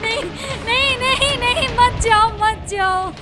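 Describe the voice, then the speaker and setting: A woman's voice: very high-pitched, normal speed. An actress dubbing a devout young village wife who pleads with and defies her husband, in a film scene with music behind. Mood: desperate. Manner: pleading, insistent. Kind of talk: Hindi film dub acting.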